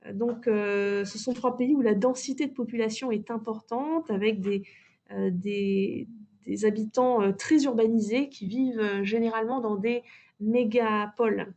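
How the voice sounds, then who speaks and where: A woman presenting in a webinar through a face mask, slightly muffled, with a polite, measured delivery broken by pauses. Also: fairly high pitch, mellow. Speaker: trade office presenter.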